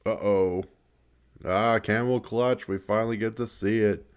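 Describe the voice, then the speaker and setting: A man's voice: on the low side, steady tone, measured pace, clean tone. A man giving casual gameplay commentary, swearing a lot, laughing often and rambling with restarts. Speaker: gaming video creator.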